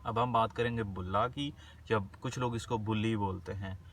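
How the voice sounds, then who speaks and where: Man, medical lecturer, bright voice, slow read-out definitions, casual explanations, a bit distant from the mic, faint room noise. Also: lowish voice, fairly even intonation. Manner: reads English definitions slowly, then explains them casually in Hindi. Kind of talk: explanatory lecture, Hindi with English terms read out slowly.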